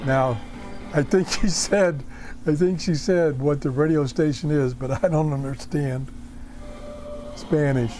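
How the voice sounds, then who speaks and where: Slow, halting man tuning in a radio. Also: a little high, steady tone, warm tone, soft background music. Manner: halting, muttering to himself with folksy exclamations. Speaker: radio hobbyist demonstrating a shortwave receiver. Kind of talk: casual off-the-cuff commentary while tuning a radio. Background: shortwave radio being tuned in.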